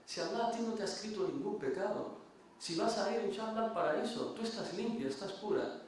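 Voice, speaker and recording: A man's voice: high-pitched, brisk, darkish tone, a little hiss or hum, voice pushed up, natural voice. A man voicing an old male scholar, soothing and reassuring a dying child, in a very echoey room from a distance. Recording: very echoey room, mic far off.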